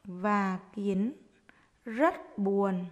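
A woman's voice: mid-range voice, very slow. A woman primary school teacher dictating to young pupils, saying short phrases word by word and repeating each one.

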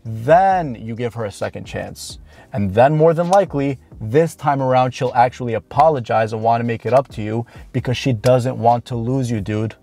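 Here a roughly thirty-year-old dating coach speaks in a mid-range, creaky, warm voice. Seated in a parked car over background music, he addresses the camera with blunt, informal, emphatic advice, drawing out the words that matter.

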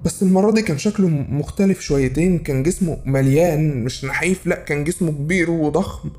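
A man's voice: fairly high pitch, fast, a little mellow, a little hiss or hum. A man with an Egyptian accent telling a first-person horror story in a frantic, urgent way, repeating himself for effect. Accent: Egyptian Arabic.

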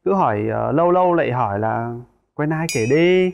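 A man's voice: a little high, expressive, brisk, creaky, a little mellow, dull audio, slight background noise. A man in his twenties, a guest husband in casual chat, who talks earnestly and repeats his words.

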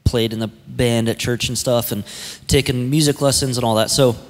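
Relaxed chatty pastor, hall reverb. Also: male voice, medium pitch, moderate pace. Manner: relaxed, chatty storytelling with laughs. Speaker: executive pastor. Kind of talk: casual church interview. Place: church stage set with armchairs. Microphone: handheld mic. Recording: long reverb of a large hall.

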